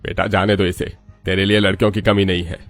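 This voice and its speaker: A man voicing an elderly rich father with a gravelly voice. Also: low voice, little pitch movement, a little fast, faint music behind. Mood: dismissive. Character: rich elderly father, stern then remorseful.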